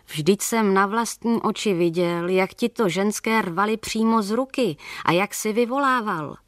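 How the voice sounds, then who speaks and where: A woman voicing a mocking village baker, a man who teases loudly. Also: mid-range voice, no room sound, clean studio sound, voice pushed up, natural voice. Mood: teasing. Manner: mocking, teasing.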